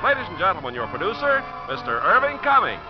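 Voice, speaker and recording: A man's voice: high-pitched, huge pitch swings, fast, over loud music. A man announcing a 1950s radio theatre programme in a proclaiming style. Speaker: show announcer. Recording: muffled 1950s radio recording.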